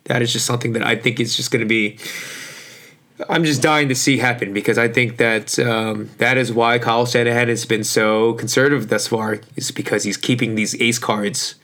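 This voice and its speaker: A man hosting a casual sports podcast in slangy, informal talk, his voice hoarse and worn out as if from yelling. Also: medium pitch, steady tone, normal speed. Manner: informal, slangy, mildly profane. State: hoarse, voice shot from overuse. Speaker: podcast host.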